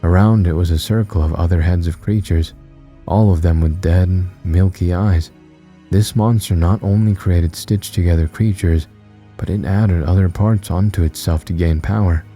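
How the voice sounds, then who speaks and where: A man narrating a horror story in a slow, steady, measured reading. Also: low-pitched. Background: soft music.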